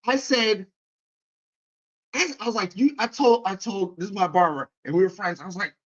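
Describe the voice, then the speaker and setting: Animated man telling a story. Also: high-pitched, moderate pace, lo-fi sound. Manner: animated, swearing, many restarts. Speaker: guest. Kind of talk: casual storytelling on a livestream.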